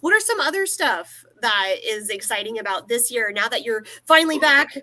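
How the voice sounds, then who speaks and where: A woman's voice: fairly high pitch, animated, normal speed, pushed and bright. A young woman co-hosting a live cosplay talk show, rambling a bit with many fillers as she asks questions. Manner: rambling, lots of likes and restarts. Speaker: podcast co-host. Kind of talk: casual live-stream chat.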